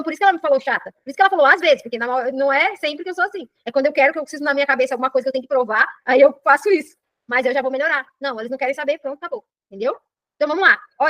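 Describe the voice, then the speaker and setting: A woman's voice: high voice, dry recording. A middle-aged woman with a Brazilian Portuguese accent, teaching a personal development class and often checking in with her listeners. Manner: animated, keeps checking in with "entendeu?". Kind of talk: live online class talk.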